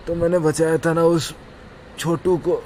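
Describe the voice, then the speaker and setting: A man voicing a boastful, bumbling middle-aged village elder in an animated cartoon, scolding and rambling. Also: fairly high pitch, measured pace, slight background noise, close to an everyday voice. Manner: scolding, rambling, full of himself.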